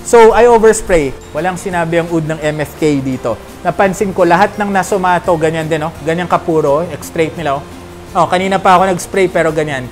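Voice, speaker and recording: A man's voice: a little high, fairly quick, faint music behind. A man from the Philippines hosting a casual perfume review vlog, chatty and jokey, constantly checking in with his viewers. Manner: chatty, peppers talk with tag questions; animated, jokey asides.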